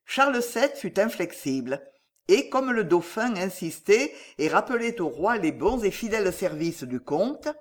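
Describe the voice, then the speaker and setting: Audiobook narrator, historical tale, lively swinging pitch, dramatic reading. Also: a little slow.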